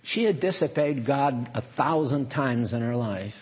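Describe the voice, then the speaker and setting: A man's voice: medium pitch, lively intonation, a little slow. An older man teaching from the Bible in a conversational, off-the-cuff way, reading verses aloud and then explaining them with asides. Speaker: preacher. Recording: dull lo-fi recording.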